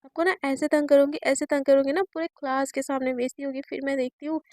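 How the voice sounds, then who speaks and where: A woman voicing a bratty, scheming teenage schoolgirl who talks in a whiny, loud way. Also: high voice, steady tone, fast, no room sound, studio quality.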